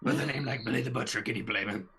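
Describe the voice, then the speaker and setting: A man voicing a probing, streetwise ghoul investigator in a tabletop game, with a raspy, gravelly voice. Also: mid-range voice, racing, pushed and bright. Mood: questioning.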